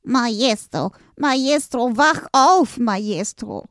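A man's voice: extremely high pitch, animated, takes it slowly, dark tone, no room sound, studio quality, pitched above the performer's own voice, exaggerated voice. A woman voicing a small, round, panicky male note creature in a children's storybook, pleading frantically. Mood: desperate.

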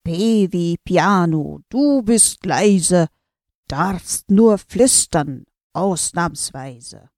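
Woman playing a jolly male note-wizard for a storybook; slow loud sing-song rhymes. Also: on the low side, sing-song, no room sound, studio quality, full character voice. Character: male music-note magician, cheerful, sings rhymes.

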